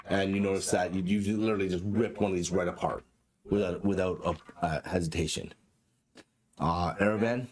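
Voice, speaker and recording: A man's voice: deep voice, steady tone, normal speed, noisy background. A man running a tabletop game as dungeon master, narrating in a casual, stop-start way with frequent swearing.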